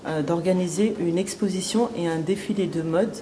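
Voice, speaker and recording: A woman's voice: lowish voice, moderate pace, warm tone. A woman in her thirties from Cameroon who heads an association, speaking hesitantly in an interview. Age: 30s. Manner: hesitant, many fillers. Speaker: association president. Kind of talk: interview testimony. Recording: noisy ambience behind.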